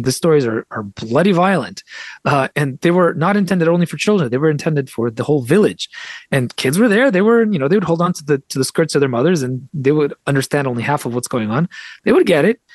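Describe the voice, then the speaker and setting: An American man, an author and translator, appears as a podcast guest and explains things conversationally, articulate and discursive, with frequent asides. His fairly high voice is expressive and fairly quick, recorded with no echo.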